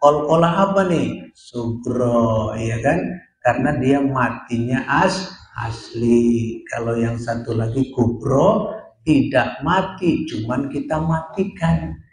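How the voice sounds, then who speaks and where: A man's voice: mid-range voice, takes it slowly. A man teaching Quran recitation rules, explaining step by step and sounding out syllables for his class. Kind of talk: tajwid lesson at a prayer hall. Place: small prayer room. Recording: echoey prayer room.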